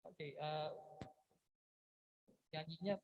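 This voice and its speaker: A man judging a singing contest, giving relaxed, conversational feedback with some hesitant fillers. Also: fairly high pitch, drawn-out words, dull audio, slight background noise. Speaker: singing competition judge. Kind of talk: casual spoken feedback.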